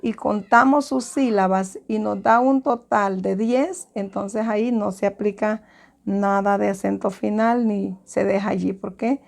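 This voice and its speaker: A woman teacher from Honduras giving a recorded lesson to students, explaining slowly and stopping to correct herself. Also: medium pitch, steady tone, creaky, a little mellow. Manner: slow, explanatory, repeats and self-corrects.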